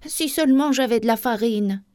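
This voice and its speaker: A woman voicing an obliging old woman in a storybook tale, speaking gently and plainly. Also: fairly high pitch, normal speed, dry recording, studio quality, natural voice. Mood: gentle.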